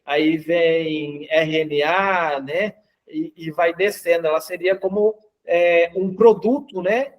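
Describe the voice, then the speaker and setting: Slightly high-voiced Brazilian moderator. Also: male voice, fairly even intonation, takes it slowly, hardly any pauses, muffled recording. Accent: Brazilian Portuguese. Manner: thinking aloud, fillers.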